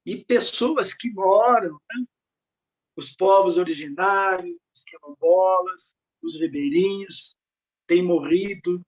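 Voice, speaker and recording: An older man with a high voice takes his time as an invited speaker at a research network meeting, lecturing over slides on a video call. He is reflective and likes to pose rhetorical questions in this academic talk.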